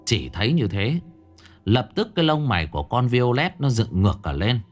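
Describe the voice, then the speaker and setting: A man narrating a ghost story in a dramatic, animated storytelling manner. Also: mid-range voice, normal speed, soft background music.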